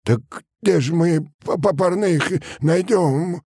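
A man's voice: high voice, slow pace, vocal fry, breathy edge, no room sound, clean studio sound, pitched above the performer's own voice, full character voice. A man voicing a cowering bearded workman who pleads and stammers. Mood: pleading.

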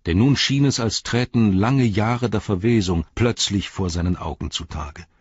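A man narrating an audiobook in a measured, grave way, in a dry, slightly dull recording. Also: fairly low pitch, darkish tone, breathy edge, dry recording.

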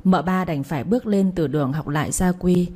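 A woman narrating a romance story in a steady storytelling manner. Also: lowish voice, a little fast.

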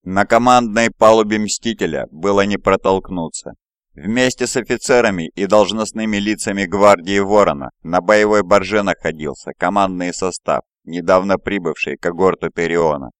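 A man narrating an audiobook in an even, measured reading. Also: low-pitched, clear, resonant tone, dry recording, studio quality. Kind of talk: scripted narration.

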